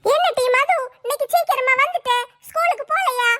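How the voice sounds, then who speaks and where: A woman's voice: very high voice, a little fast, pushed and bright. A woman voicing a bold, bossy older sister who scolds and reassures in a brash way.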